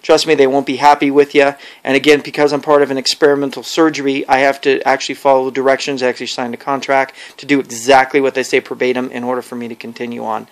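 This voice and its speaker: Halting man in a casual vlog. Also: medium pitch, little pitch movement. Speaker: vlogger.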